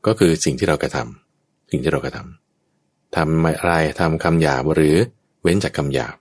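A man's voice: a bass voice, steady tone, normal speed, a little mellow, slightly rough. A man, a Buddhist monk, giving a patient, explanatory Dharma talk in conversation and now and then acting out everyday speech as examples.

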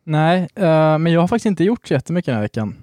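A man's voice: a little high, very animated, darkish tone, dry recording, studio quality. A man co-hosting a podcast, telling crude stories in a candid, casual chat. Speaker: podcast co-host.

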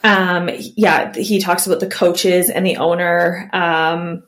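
A woman's voice: lowish voice, little pitch movement, slow, a bit bright. A woman co-hosting a casual chat podcast, blunt and sarcastic. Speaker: podcast co-host.

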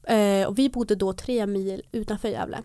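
A young woman in casual chat, telling a story lively and acting out what people said. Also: mid-range voice, clear, resonant tone, dry recording, clean studio sound. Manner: lively storyteller who acts out quotes.

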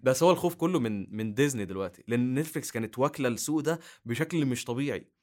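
Rapid-fire Egyptian man, stop-start talk. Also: medium pitch, animated, darkish tone. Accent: Egyptian Arabic. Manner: rapid, halting, many restarts and fillers. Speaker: guest, YouTuber. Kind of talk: casual podcast chat.

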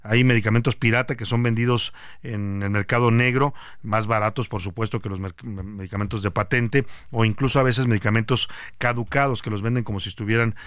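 A man with a Mexican accent hosting a radio news programme, speaking in a measured way with frequent hesitation fillers and brief acknowledgements. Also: lowish voice, steady tone, a bit bright, no echo, clean studio sound.

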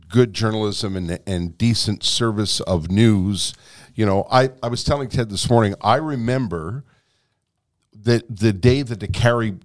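A man hosting a conversational interview, attentive and quick to chime in with agreement. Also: fairly low pitch. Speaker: host.

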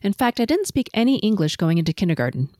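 A middle-aged woman from Los Angeles hosting a solo podcast, telling her life story in a measured, composed, prepared way. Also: medium pitch, big pitch swings, a little mellow, no room sound, clean studio sound. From Los Angeles, USA. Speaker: podcast host. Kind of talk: autobiographical solo podcast narration.

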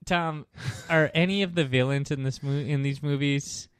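A man's voice: on the high side, normal speed, smooth, no room sound, studio quality. A man co-hosting a podcast, chatting casually in an earnest, mock-naive way that is easily alarmed. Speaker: podcast co-host. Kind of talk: casual comedic chat.

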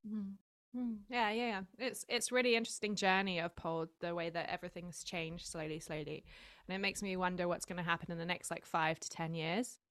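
A woman with a low voice, a little rough from the morning, hosting a relaxed interview. Her sound is dry and close, with no room around it, and she often murmurs agreement. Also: no echo. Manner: easygoing, quick to back-channel and laugh. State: morning voice, frog in throat. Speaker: podcast host, pole coach. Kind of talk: casual interview.

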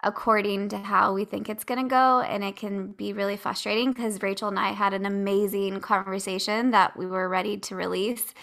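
A woman hosts a podcast with a bright, forward voice that often drops into vocal fry. She chats candidly and informally, as if among friends. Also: mid-range voice, steady tone, brisk, hardly any pauses. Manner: informal, candid, mild swearing. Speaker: podcast host. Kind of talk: casual podcast chat.

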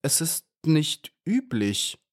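Man doing a shy young bee girl for a storybook, raised higher voice. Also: sing-song, takes it slowly, darkish tone, full character voice. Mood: timid. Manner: timid and polite.

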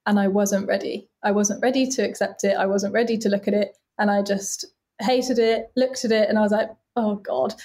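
A woman's voice: mid-range voice, fairly even intonation, a little fast, warm tone. A woman in her late twenties, a body casting artist, talking openly and earnestly in a casual interview, with many "like" fillers. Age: late 20s.

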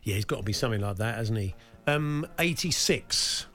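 A man's voice: on the low side, animated, normal speed, a bit bright. A man hosting casual quiz banter, calling out numbers like a bingo caller. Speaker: host and quiz contestant. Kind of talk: casual unscripted radio banter.

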